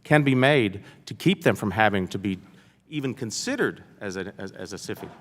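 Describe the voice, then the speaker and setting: A man's voice: lowish voice, animated, normal speed. A man questioning a witness formally as a member of Congress. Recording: reverberant hearing room.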